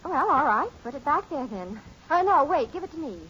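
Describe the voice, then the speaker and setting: An actress playing a brisk, practical, easily exasperated suburban mother in a 1950s radio sitcom. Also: high-pitched, lively intonation, pushed and bright. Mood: flustered. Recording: muffled, noisy old 1950s radio recording.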